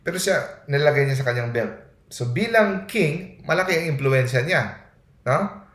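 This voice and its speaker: A man's voice: a little high, animated, normal speed, fairly bright tone. A man giving an earnest sermon in mixed Tagalog and English, often tagging his points with a questioning "no?". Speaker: preacher. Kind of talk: Taglish sermon. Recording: echoey room.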